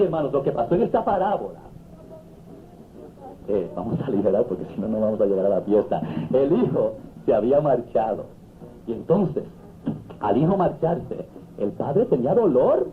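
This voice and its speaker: A man preaching a sermon, telling the story with drama and jumping high on his exclamations. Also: big pitch swings, moderate pace, long pauses. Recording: tinny lo-fi 1970s recording with faint noise.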